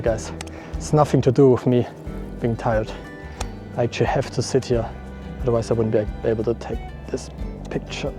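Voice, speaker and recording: Chatty man vlogging on a mountain hike. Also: mid-range voice. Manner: chatty, self-deprecating, thinking aloud with small laughs. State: out of breath. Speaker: photography vlogger. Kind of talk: casual vlog narration while hiking. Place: outdoors on a mountain trail. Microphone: small action camera.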